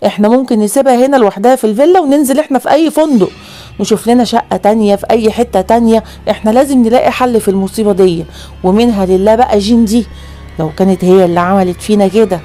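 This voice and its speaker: Casting: woman reading as a frightened Egyptian mom, quick, warm-toned. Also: medium pitch, faint music behind, natural voice. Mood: anxious. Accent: Egyptian Arabic. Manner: worried, pleading, tearful. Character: anxious, doubting middle-aged mother.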